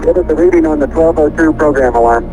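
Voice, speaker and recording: A man's voice: fairly high pitch, takes it slowly, music in the background, rough recording. Man on a clipped mission radio link. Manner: clipped, procedural. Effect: mission radio transmission from a spacecraft. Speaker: astronaut or mission controller. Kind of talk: terse radio call-outs.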